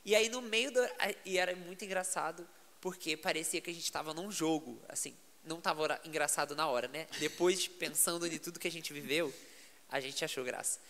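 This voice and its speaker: A man, a pastor, with a Brazilian Portuguese accent, telling stories in a casual podcast chat, animated and given to laughing. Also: fairly high pitch, fairly quick, big-room sound. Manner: lively storytelling, animated and laughing.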